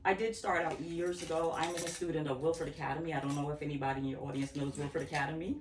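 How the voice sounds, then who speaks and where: Low-voiced 50s woman from barbados, chatty rambling interview, far off the mic in an echoey room. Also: fairly even intonation, fast, crowd noise. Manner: reflective, rambling with restarts and laughs. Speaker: interview guest, natural hair care practitioner. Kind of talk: casual interview talk. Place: her home workspace.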